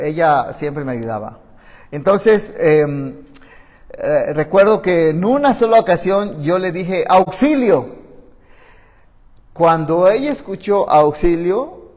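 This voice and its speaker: A man's voice: on the high side, long reverb tail. A man with a Mexican Spanish accent preaching a sermon as pastor, earnest, with frequent restarts, acting out pleas as he explains. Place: church hall.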